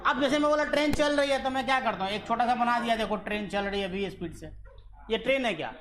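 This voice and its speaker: A man with an extremely high voice and a quick pace gives a physics lecture in a classroom. He jokes with and teases his students, slips English phrases into his explanations and repeats the key terms. It's a live recording with students chattering in the background.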